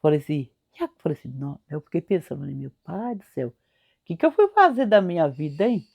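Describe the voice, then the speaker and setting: A woman's voice: low-pitched, very animated, fast talker, gravelly, darkish tone. An older woman from Brazil, telling memories of her youth in a folksy, repetitive way. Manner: folksy, repetitive, acts out quoted voices. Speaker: storyteller. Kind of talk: spoken life memories.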